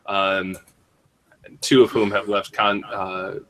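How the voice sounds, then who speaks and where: A man's voice: on the low side, level tone, slow pace, a bit bright, a little hiss or hum. A man hosting a podcast in casual chat, joking, rambling and poking fun at himself. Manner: joking, rambling, self-mocking. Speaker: podcast host.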